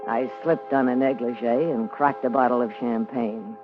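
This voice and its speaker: An actress uses a very deep voice with fairly even intonation and normal speed to play a brazen, scheming underworld woman in an old-time radio crime drama. Her hard-boiled narration is brassy, defiant and slangy, heard through a dull lo-fi old recording with music.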